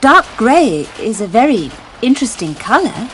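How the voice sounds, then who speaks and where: A woman's voice: fairly high pitch, very animated, very slow, slight background noise, heavily acted. A woman acting in a scripted course dialogue, tactful and carefully polite.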